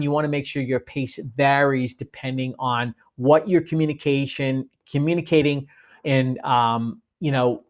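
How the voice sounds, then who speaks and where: A man from Boston with a Boston accent, giving an instructional training talk on communication in a lively, demonstrative way. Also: a little high. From Boston, United States. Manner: lively, demonstrative, often slows for emphasis.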